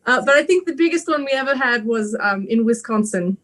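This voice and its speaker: A woman's voice: on the high side, lively intonation, fairly quick, a bit bright. A woman co-hosting a casual chat, rambling with restarts and chuckles. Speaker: podcast co-host, stage actor.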